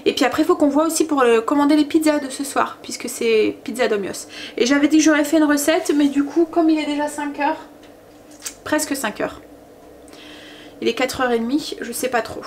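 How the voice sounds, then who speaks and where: A high-pitched woman talks casually to the camera as a family vlogger and mum. She rambles and hesitates as she goes, set in a home kitchen with a faint hiss behind her. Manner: rambling, chatty, full of hesitations.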